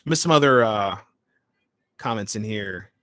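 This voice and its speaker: A man's voice: on the low side, lively intonation, a little slow, bright, forceful tone, dry recording, studio quality. A man in his late twenties hosting a livestream, chatting informally and hopping between short remarks as he answers comments. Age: late 20s. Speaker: livestream host. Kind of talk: casual livestream chat, reading and answering comments.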